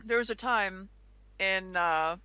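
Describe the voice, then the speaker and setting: A woman's voice: mid-range voice, slow, pushed and bright, clear, resonant tone, highs cut off. A young woman co-hosting a casual podcast chat, chatty and giggly, rambling with restarts. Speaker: co-host.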